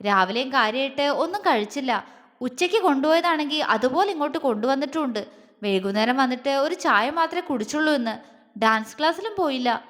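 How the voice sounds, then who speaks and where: Fretful doting mother, middle-aged, read by a woman narrator, high voice, long reverb. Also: expressive, fairly quick, fairly bright tone.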